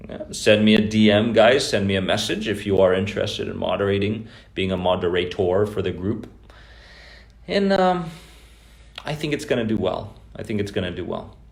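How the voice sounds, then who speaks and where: A man's voice: on the low side, normal speed, vocal fry. A man hosting a live stream about anxiety recovery, talking loosely to viewers and greeting them by name. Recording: echoey room.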